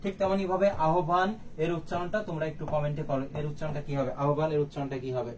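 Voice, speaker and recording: Rapid-fire and fairly even in intonation, this man's fairly high voice carries a live online exam-prep lesson where he asks questions and supplies the answers himself. The mic sounds slightly distant, with faint background noise.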